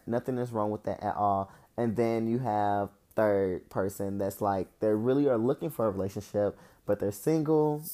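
Stuffy-nosed young man rambling candidly. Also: mid-range voice. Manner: rambling, candid, with frequent fillers. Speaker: podcast host. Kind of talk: casual solo monologue.

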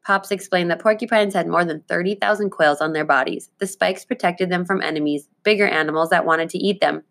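Woman teacher doing a read-aloud of a kids book, kinda low voice, clear and expressive. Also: a little fast. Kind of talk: reading a children's book aloud.

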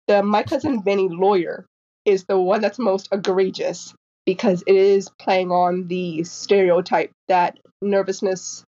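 In a relaxed interview, a guest author in her twenties brings her stories to life by performing the voices of the people in them. She has a stutter, with repeated sounds and restarts. Her voice is medium-pitched at a measured pace, and the audio sounds dull.

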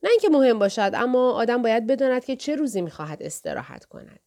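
A woman's voice: on the high side, big pitch swings, gravelly, darkish tone, no echo, studio quality, pitched above the performer's own voice. An anxious woman in love, trying to sound light while her throat tightens, as a female audiobook narrator reads her part. Her words come out strained and a little too cheerful. It is storybook reading, not full acting. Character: anxious lovesick woman on phone.

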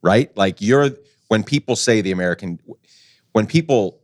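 A man's voice: on the low side, animated, normal speed, dry recording. A man hosting an interview, asking long, rambling questions and searching for words. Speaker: host.

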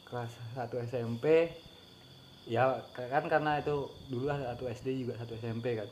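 A man's voice: medium pitch, steady tone, fairly quick, darkish tone, a little hiss or hum. A man in casual chat, telling a bashful story from his school days.

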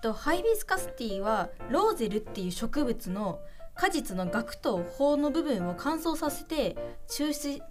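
A woman's voice: sits high, big pitch swings, normal speed. A woman who is a member of a radio show, chatting casually. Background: background music.

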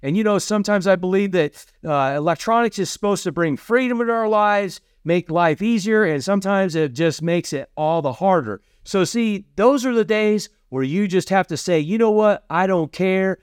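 Middle-aged guy preaching, high smooth voice, earnest, repeats himself, dry sound. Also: lively intonation, no room sound. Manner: earnest, repeats phrases, slows for scripture. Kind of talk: sermon.

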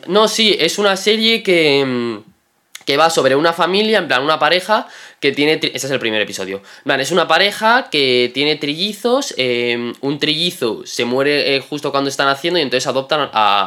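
A man's voice: medium pitch, lively intonation, moderate pace, bright, forceful tone. A young man co-hosting a homemade podcast, telling stories in a rambling, casual way full of fillers. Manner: rambling storyteller, many fillers. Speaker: podcast co-host. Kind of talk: casual chat.

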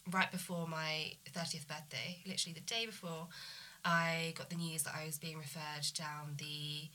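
A woman in her thirties, nasal from a cold, calmly and candidly telling her story as a guest. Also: low-pitched, moderate pace. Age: 30s. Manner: calm, candid, matter-of-fact. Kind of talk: interview conversation.

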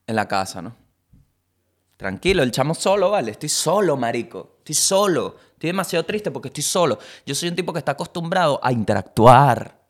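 A man's voice: a little high, very animated, a little fast. A young man hosts a comedy podcast, telling stories as a monologue, swearing freely and acting out quotes in jumpy voices. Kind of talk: comic monologue.

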